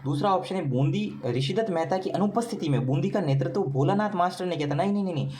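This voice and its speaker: A man teaching as an exam coach, talking quickly and firing questions at his students that he answers himself. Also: sits high, animated, crowd noise. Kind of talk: exam paper solution lesson. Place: coaching class recording.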